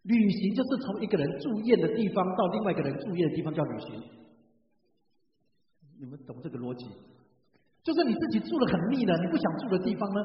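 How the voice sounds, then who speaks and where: A man's voice: high-pitched, sing-song, fast talker. A middle-aged man preaching a sermon in a chatty, joking way, often asking the audience questions. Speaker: pastor. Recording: roomy hall, distant mic, dull sound.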